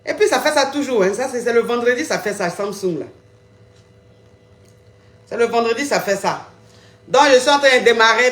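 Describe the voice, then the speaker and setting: Woman host, high and bright, playful and teasing, live call-in stream, echoey room. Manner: playful, repetitive, teasing callers. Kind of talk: casual live-stream chat with callers.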